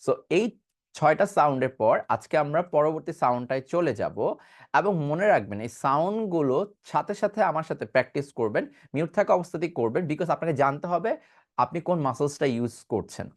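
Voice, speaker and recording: A man's voice: a little high, animated, brisk. A man giving an online pronunciation class, asking questions and answering them himself, and demonstrating sounds. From Bangladesh. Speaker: pronunciation teacher.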